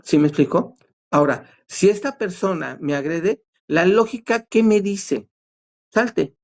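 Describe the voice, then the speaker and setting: A man speaks as a therapist guest in a casual talk show. His voice sits a little high for a man. He reasons out loud and keeps asking himself rhetorical questions. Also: animated, unhurried. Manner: explanatory, rhetorical questions, quotes others.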